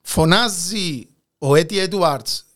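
Male history co-host, Cypriot Greek accent, slightly high voice, conversational and halting delivery. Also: a bit bright. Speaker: podcast co-host narrating history. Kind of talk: conversational storytelling.

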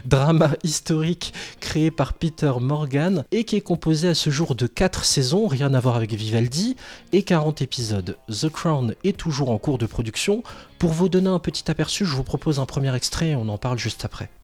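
A man's voice: on the high side, animated, normal speed, darkish tone. A man hosting a podcast in casual chat, with jokey, self-mocking asides. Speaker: podcast host.

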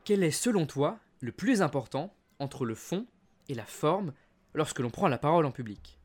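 A man hosting a podcast interview, asking measured, scripted questions. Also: a little high, expressive.

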